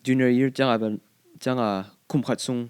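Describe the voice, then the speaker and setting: A young man, a university student, answering podcast questions in halting, casual chat. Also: medium pitch, level tone, darkish tone, clear, resonant tone. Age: young adult.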